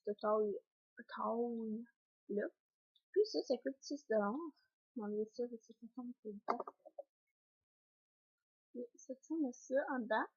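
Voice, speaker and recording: A young woman with a Québécois accent talks casually through her beauty products, hesitant and full of fillers, often clearing her throat. Her voice sits a little high and husky. The recording is dull and lo-fi, like a home camera. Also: moderate pace, pauses often, a little mellow. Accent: Québécois French. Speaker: beauty vlogger. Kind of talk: casual unboxing vlog. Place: home, indoors by a sunny window.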